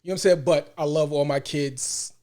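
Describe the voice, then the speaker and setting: A man with a Brooklyn accent hosts in a casual, conversational way. His voice sits a little high, and he often repeats phrases for emphasis. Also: fairly even intonation, moderate pace, a little mellow. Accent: Brooklyn, New York. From Brooklyn, New York. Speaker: podcast host.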